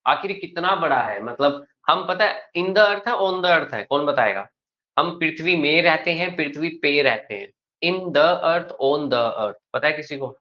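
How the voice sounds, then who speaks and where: Calm teacher talking, dull lo-fi sound. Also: male voice, fairly high pitch. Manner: calm, unhurried, checks in with students often. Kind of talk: classroom lecture. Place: classroom.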